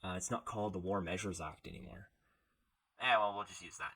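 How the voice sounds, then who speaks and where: A man with a fairly low, bright and forceful voice rambles through casual political reaction commentary. He is sarcastic and punches words with sudden loud emphasis. He is from Canada. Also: fairly quick.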